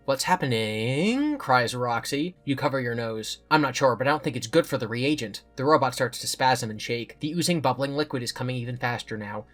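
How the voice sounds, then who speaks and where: A man's voice: mid-range voice, a bit bright. A man from the US East Coast reads an interactive horror story aloud in a mid-range voice. Between passages he drops playful, joking asides. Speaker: YouTube storyteller.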